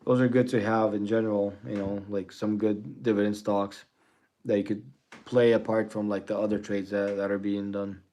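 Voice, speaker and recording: On a trading livestream, a Russian-born, US-raised man in his forties speaks in a dark, lowish, level voice at moderate pace. He rambles casually, thanks his viewers, and laughs frequently.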